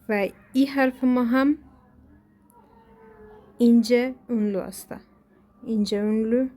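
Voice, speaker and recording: A woman with an Afghan Dari accent teaching a language lesson from a textbook. She reads each example aloud and then explains it slowly, step by step. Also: medium pitch, mellow.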